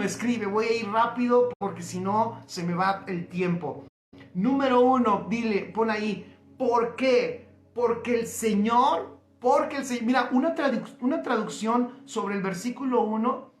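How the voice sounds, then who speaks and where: A woman preacher, slowly and emphatically teaching from a Bible passage, repeating key phrases and speaking straight to her listeners. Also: mid-range voice. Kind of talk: sermon, Bible study. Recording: echoey room.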